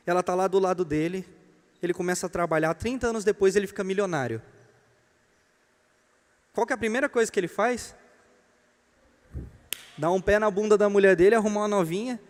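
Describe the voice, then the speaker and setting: A Brazilian man teaches a church class in a fairly high voice, mixing doctrine with joking stories and calling the room his brothers. His voice rings with the long reverb of a church hall. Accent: Brazilian Portuguese.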